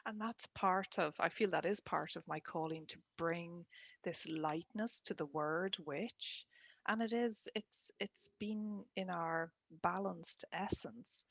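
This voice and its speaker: An Irish-accented woman telling her own story reflectively in an interview, with a lilting, expressive storyteller's delivery. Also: on the low side, slow, creaky. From Ireland. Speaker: guest, poet and storyteller.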